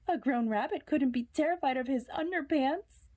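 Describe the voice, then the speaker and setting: A woman storyteller reads a children's picture book aloud with drama and suspense, sometimes hushing her words. Her voice sits high, and she keeps a moderate pace.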